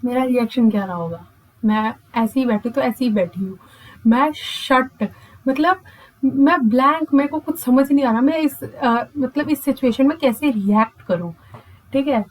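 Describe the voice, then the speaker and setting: A young woman with a slightly high voice tells a personal story in a chatty, unscripted way. She drops English phrases into her sentences, pauses often, and acts out the scene as she goes. It sounds like casual close-mic storytime talk. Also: rough recording. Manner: chatty, mixing English into Hindi, acting out gestures. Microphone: mic on the speaker.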